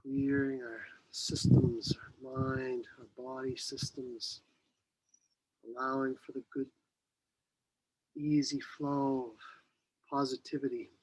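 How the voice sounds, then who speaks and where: A man teaching qi gong, giving serene, unhurried movement and breathing cues with long pauses. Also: medium pitch, flat delivery, a little mellow, breathy edge, no room sound, rough recording. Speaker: qi gong instructor.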